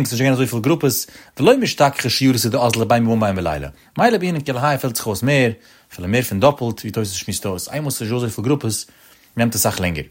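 Man, Talmud lecture, singsong delivery, rapid talk. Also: medium pitch. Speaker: Talmud teacher.

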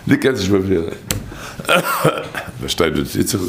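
A man's voice: sits low, very animated, moderate pace, background noise. A man telling a story and teaching from a midrash in an informal, rambling way, often repeating phrases and restarting.

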